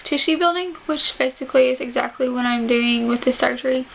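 A woman's voice: high-pitched, fairly quick, vocal fry, fairly bright tone. A young woman talking casually to camera, with restricted jaw movement as she speaks carefully through banded teeth. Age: young adult. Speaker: vlogger describing surgery recovery. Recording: noisy home camera audio.

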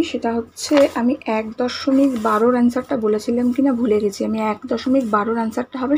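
A woman teacher giving an online lesson, speaking softly and patiently, repeating each answer and asking the class questions. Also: on the high side, slight background noise, low-quality recording. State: speaking softly, finds talking hard today.

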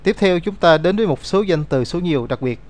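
Man explaining grammar, fairly high voice. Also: expressive, fairly quick, darkish tone. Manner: explains step by step, reads out word examples. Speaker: English teacher. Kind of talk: grammar lesson narration.

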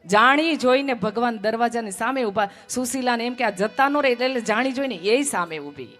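A woman's voice: fairly high pitch, normal speed, a bit bright. A woman telling a devotional story at a village religious gathering, acting out the dialogue with dramatic swells and drops.

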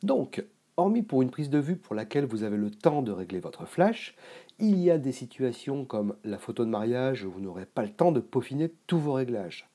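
Male tutorial host, warm and dark-toned voice, relaxed conversational teaching. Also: medium pitch, normal speed, breathy edge. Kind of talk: explanatory tutorial.

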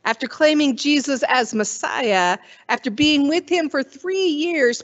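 A woman pastor preaches in a high, bright-pitched voice. She talks to the congregation as if chatting with them and wonders aloud about the story. The recording sounds dull and a little muffled. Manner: conversational, wondering aloud, acts out quoted voices. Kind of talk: sermon.

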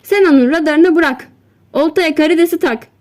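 Woman reading as old fisherman, blunt short replies, high voice, storybook. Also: normal speed, darkish tone, close to an everyday voice. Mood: matter-of-fact. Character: old male fisherman, gruff and practical.

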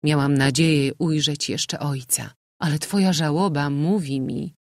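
A man's voice: a little high, fairly even intonation, unhurried, no room sound. A proud young woman near death speaks faintly, her voice fading, as a man reading the novel gives her lines. The recording is dry and close. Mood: weak. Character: dying proud young mother, weak.

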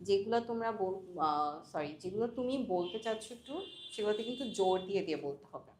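A woman with a Bangladeshi accent teaching spoken English, patiently correcting students and slowly modelling phrases. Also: medium pitch, animated, a little mellow, roomy sound, slight background noise. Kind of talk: language coaching in class.

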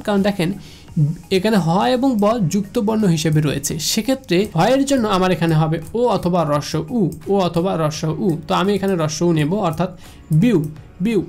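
A man's voice: high voice, darkish tone. A man with a Bangladeshi Bengali accent giving a slide lecture, repeating each rule and asking the listener questions. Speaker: teacher. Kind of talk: slide lecture on pronunciation rules.

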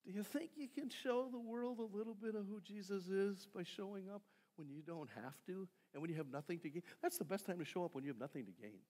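A man's voice: sits high, fast talker, a little mellow. A middle-aged man preaching a conversational sermon from a church stage, asking rhetorical questions and slipping in small jokes. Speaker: pastor. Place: church stage, large sanctuary. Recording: long hall reverb in a sanctuary.

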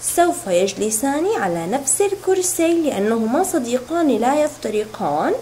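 A woman teaching a recorded reading lesson to young children, sounding out syllables slowly and clearly. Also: on the high side, big pitch swings, mellow, a little hiss or hum, poor audio. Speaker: kindergarten teacher.

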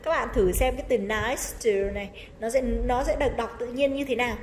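A woman with a fairly high voice leads a children's English lesson, pausing to pronounce each word slowly and clearly. Her voice rings in an echoey room with a long reverb tail, and a faint hiss sits underneath. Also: steady tone. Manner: explains in Vietnamese, models English words slowly. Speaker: English teacher.

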